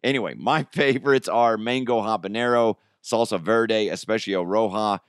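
Speaking at a normal speed in a fairly low, clean-toned voice, this American podcast host chats through a casual solo comedy show. He's informal and slangy, laughing lightly at what he says, and the studio-quality audio carries no room sound.

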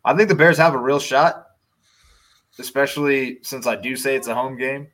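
A man's voice: medium pitch, normal speed, a bit bright, poor audio. A man with a Chicago accent co-hosting a casual sports podcast, rambling with restarts and fillers. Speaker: podcast co-host.

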